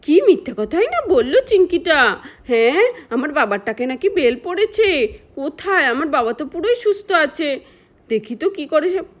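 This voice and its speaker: A woman's voice: very animated, a little fast. A woman voicing an angry, scolding village aunt in a doll-play story. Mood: indignant. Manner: shrill, threatening, complaining.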